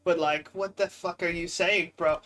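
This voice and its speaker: This gaming streamer is a young man with a high-pitched, pushed and bright voice, fairly even in intonation and normal in speed. While he plays a block-building game, he rambles casually and teases his chat, sounding incredulous.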